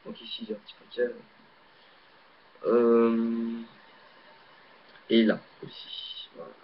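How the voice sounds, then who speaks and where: A creaky, medium-pitched voice speaks slowly and in a level tone. The man, an amateur magician with a Belgian French accent, casually demonstrates a card trick with plenty of fillers, rambling and hesitating, and the laptop webcam mic yields dull lo-fi sound with faint hiss.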